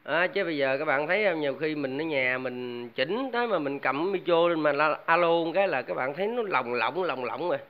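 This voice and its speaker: A man talks casually and at length to his viewers, full of fillers and repeated words. His voice sits a little high for a man. The sound is dull and lo-fi, like a home recording. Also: lively intonation, brisk, hardly any pauses. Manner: rambling, many fillers and restarts, addresses viewers constantly. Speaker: DIY audio vlogger. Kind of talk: casual chat to camera.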